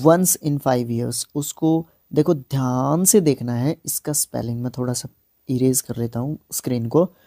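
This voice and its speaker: A man teaching an exam-prep vocabulary lesson. He spells words out slowly, letter by letter, and speaks frankly, correcting himself as he explains. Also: fairly high pitch, dark tone, dry recording, clean studio sound.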